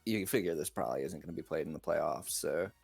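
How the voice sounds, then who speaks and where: Very deep, gravelly male esports analyst. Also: quick pace, faint music behind. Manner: relaxed, analytical, trailing off. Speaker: esports co-commentator. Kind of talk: live game commentary and analysis.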